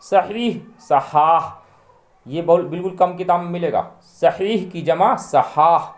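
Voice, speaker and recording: Guy teaching a grammar lesson, slow and careful, repeats every word pair, kinda echoey room. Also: on the high side. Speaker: language teacher.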